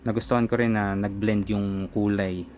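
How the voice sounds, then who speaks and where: A Filipino man, reviewing a product, casually narrates its unboxing and installation step by step as he does the work himself. His voice is on the low side and a little mellow, with a flat delivery at a moderate pace. Music plays in the background.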